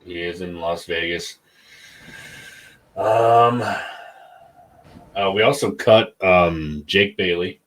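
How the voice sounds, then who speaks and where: Low-voiced man in casual sports chat. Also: takes it slowly, long pauses, a bit bright, poor audio. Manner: hesitant, filler-heavy listing. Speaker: podcast co-host, team fan.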